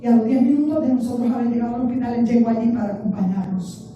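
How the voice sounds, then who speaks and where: A middle-aged woman pastor preaching a sermon, telling stories with animation and swinging between hushed and loud, emphatic delivery. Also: fairly high pitch, fast talker, lo-fi sound, a little hiss or hum. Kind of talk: Spanish-language sermon with personal storytelling. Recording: echoey church hall, voice from a distance.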